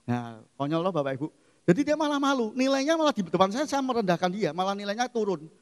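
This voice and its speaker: High-voiced pastor, echoing church. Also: male voice, sing-song, quick pace, smooth. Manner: emphatic, swings from quiet to loud exclamations. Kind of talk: sermon. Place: church hall. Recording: long church hall reverb.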